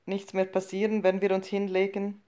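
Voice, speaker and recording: A woman's voice: mid-range voice, completely flat delivery, moderate pace, dark tone, clear, resonant tone, close to an everyday voice. A woman voicing a frightened teenage girl who speaks in a tremulous, pleading way. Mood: fearful.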